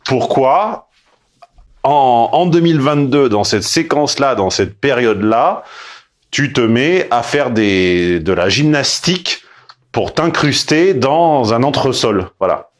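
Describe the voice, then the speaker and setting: A man's voice: mid-range voice, animated, slow pace. A man coaching a caller on her dating life, blunt and emphatic, with mocking asides. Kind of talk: casual coaching call.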